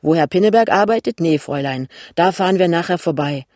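Ein Mann liest einen höflichen, sachlichen Chauffeur aus der Kleinstadt. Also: male voice, on the high side, expressive, brisk, darkish tone, no room sound, clean studio sound, natural voice. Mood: polite. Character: polite small-town male chauffeur.

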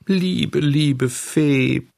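A man voicing a stubborn, whiny puppet boy in a storybook reading, whining and pleading in a high, excited voice. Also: normal speed, slightly rough, no echo, studio quality, exaggerated voice.

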